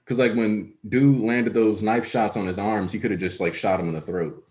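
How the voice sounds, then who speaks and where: A man's voice: fairly low pitch, fairly even intonation, moderate pace, darkish tone. A man co-hosting a casual chat, talking in a rambling way with many fillers. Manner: rambling, many likes and ums. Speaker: podcast co-host.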